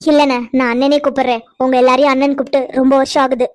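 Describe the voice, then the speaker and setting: A woman's voice: high voice, level tone, fast talker, no room sound, natural voice. A woman voicing a grown sister in a cartoon, who scolds and teases her brothers with affection. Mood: teasing. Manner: scolding, teasing. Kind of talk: cartoon voice acting.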